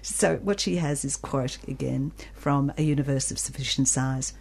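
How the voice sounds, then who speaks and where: A woman's voice: a bass voice, steady tone, moderate pace, vocal fry, a little mellow, husky. A woman discussing a novel with its author as a radio book reviewer, talking with enthusiasm and frequent restarts.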